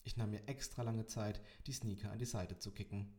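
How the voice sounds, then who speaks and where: A man's voice: fairly low pitch, fairly even intonation, fairly quick, mellow. A man in his twenties narrating an audiobook in the first person, with dry, wry delivery. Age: 20s.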